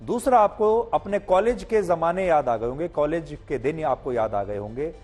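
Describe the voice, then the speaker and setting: A man's voice: on the high side, expressive, normal speed, darkish tone, faint music behind. A middle-aged man delivering scripted news commentary as a TV anchor, in a pointed, emphatic manner.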